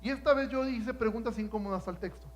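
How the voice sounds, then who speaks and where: A man preaching a sermon in a high, light voice. He swings between hushed, intimate stretches and loud, climbing passages, pressing the congregation with question after rhetorical question. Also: quick pace, rough recording.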